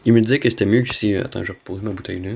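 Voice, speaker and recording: A man's voice: lowish voice, steady tone, very fast, creaky, darkish tone, a little hiss or hum. A man with a Québécois French accent giving casual, rambling gaming commentary, slangy and dropping in bits of English slang. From Quebec, Canada. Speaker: gamer recording a video.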